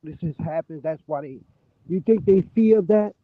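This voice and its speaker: A man calling into a live stream through a muffled, bass-heavy mic, asking questions in halting, repeated phrases. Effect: muffled, bass-heavy sound from a poor mic. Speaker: caller. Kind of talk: casual live-stream chat. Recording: muffled, phone-like, dry call line.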